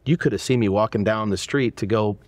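Speaking briskly in a lowish voice with no room sound, a forties-aged pastor chats earnestly with a guest on his interview podcast. The setting is a dark church auditorium indoors, and the casual talk is full of stumbling restarts and warm affirmations.

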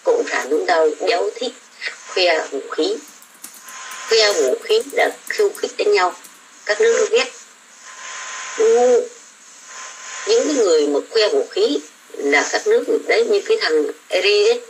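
A woman's voice: medium pitch, expressive, unhurried, long pauses, a little hiss or hum, low-quality recording. An older woman, a domestic worker abroad, ranting about politics in a blunt, scolding way. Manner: blunt, scolding, coarse words. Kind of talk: casual political rant.

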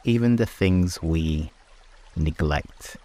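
With a very deep voice, a man leads listeners toward sleep, murmuring brief phrases and letting long silences fall between them in the style of a guided prayer.

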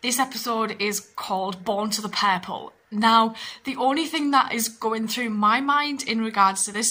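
A woman's voice: medium pitch, sharp tone. A young woman hosting a reaction video, chatting casually and thinking aloud as she watches. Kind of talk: casual commentary while watching.

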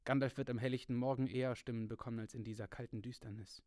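Male reader doing a small hobbit, quiet, hesitant, soft-spoken, dry sound. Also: medium pitch, fairly even intonation, quick pace, no room sound, natural voice.

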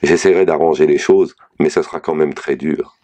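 A frank, matter-of-fact lawyer, read by a man with an extremely deep voice and a dark, mellow tone. He lays out bad news in measured, level sentences, in a storybook reading. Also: fairly even intonation. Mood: grim, frank. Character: lawyer, middle-aged man, blunt and candid.

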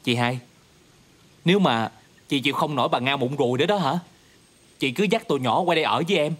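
An actor playing a caring, practical younger brother who speaks earnestly, with a Southern Vietnamese accent. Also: male voice, mid-range voice, a little fast, fairly bright tone, slightly rough. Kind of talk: TV drama acting.

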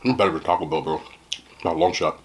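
A man's voice: a bass voice, fairly even intonation, fast talker, slight background noise. A young man doing a mukbang eating chat, joking in slang and talking while he chews. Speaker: food reviewer.

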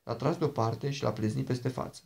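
A man reading an audiobook with steady, scripted narration. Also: mid-range voice, vocal fry.

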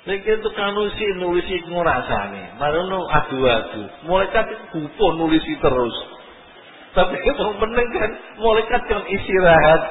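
A man's voice: high voice, slight background noise. Older man preaching, echoey hall. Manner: animated, chuckling often, slow deliberate delivery. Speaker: Islamic preacher. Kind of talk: sermon. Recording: echoey lo-fi phone-like hall recording.

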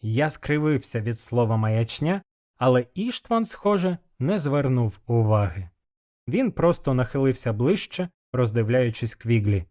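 A male audiobook narrator reading a fantasy story in the first person. His voice sits at a middle pitch, and the telling is even and measured.

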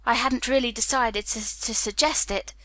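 Storybook reading: a woman plays a hesitant male doctor, measured, bright close voice. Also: fairly high pitch, fairly even intonation, no echo. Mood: nervous. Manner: slightly nervous, measured.

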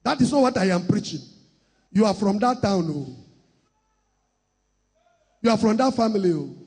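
Nigerian pastor, high raspy voice, shouts then drops quiet; sermon in a reverberant church hall. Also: male voice, animated, moderate pace. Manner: shouting preacher, swings from loud declarations to soft asides.

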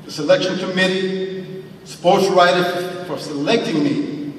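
A middle-aged man being inducted into a hall of fame delivers an earnest acceptance speech at a podium in a large banquet hall, speaking slowly and emphatically with thanks and references to faith. His voice is high with a steady tone. The podium mic is picked up from far off in the audience, so the audio is echoey, with slight background noise.

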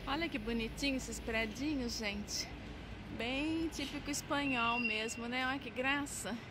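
A woman's voice: on the high side, measured pace. A middle-aged Brazilian woman with a Brazilian Portuguese accent, chatting enthusiastically to her viewers in a casual travel vlog. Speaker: travel vlogger. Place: outdoors on city streets. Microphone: handheld camera at arm's length. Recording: street traffic noise behind.

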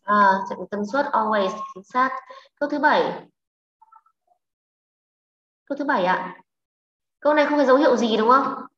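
A woman English teacher with a Vietnamese accent, leading a class online, brisk and prodding students with questions. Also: on the high side, fairly bright tone. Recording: echoey, lo-fi online class audio.

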